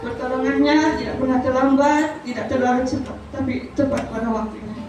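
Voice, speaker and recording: Woman, church testimony, high voice, heard from far off the mic. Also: fairly even intonation. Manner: soft, hesitant storytelling with pauses. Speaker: church member giving testimony. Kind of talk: personal testimony at a church service. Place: church hall. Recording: very echoey hall, voice from far off, noisy.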